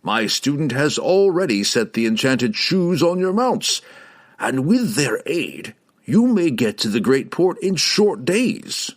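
A man reading aloud, voicing an old male wizard who speaks slowly and ominously. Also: medium pitch, very animated, pitched above the performer's own voice. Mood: grave. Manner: slow, measured, ominous delivery.

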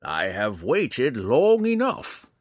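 A man voicing a stern, gruff male woodland hermit who scolds in a raised, high voice. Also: wildly swooping pitch, slow pace, no echo, clean studio sound, exaggerated voice. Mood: scolding.

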